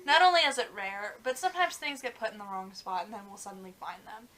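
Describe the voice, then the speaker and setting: A young woman co-hosting a casual vlog chat, talking fast and loose with lots of fillers. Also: a little high, pushed and bright, rough recording. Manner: chatty, many "like" fillers, trails off. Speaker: vlog co-host.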